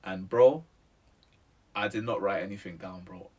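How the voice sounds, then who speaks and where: A man's voice: deep voice, measured pace, darkish tone, slightly rough. A man in his twenties with a London roadman accent, chatting casually as a musician being interviewed, in street slang. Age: 20s. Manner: street slang, tags sentences with "innit" and "bro".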